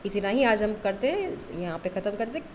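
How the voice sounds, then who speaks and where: A woman's voice: medium pitch, sing-song, fairly quick, darkish tone, a little hiss or hum. A woman chemistry teacher giving a classroom lecture. She often checks in with "okay", asks her students questions and answers them herself, and mixes English terms into her explanation.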